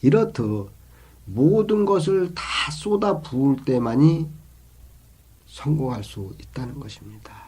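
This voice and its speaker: A man's voice: mid-range voice, animated, unhurried, mellow, husky. A middle-aged man giving life advice in an earnest, lecturing monologue, his phrases often trailing off into a near whisper.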